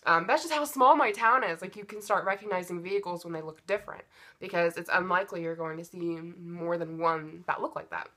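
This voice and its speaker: A woman's voice: fairly low pitch, a little fast, fairly bright tone. A young American woman telling a personal story in a casual, blunt, chatty way, acting out bits of dialogue as she goes. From United States. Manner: informal and blunt, retells dialogue with "like" and swearing.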